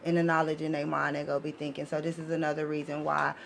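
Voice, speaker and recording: Here a deep-voiced woman keeps a level tone and a quick pace while promoting her educational books as a podcast guest. She's American, casual and emphatic, punctuating her points with check-in questions. Noise is clearly audible throughout this live podcast recording.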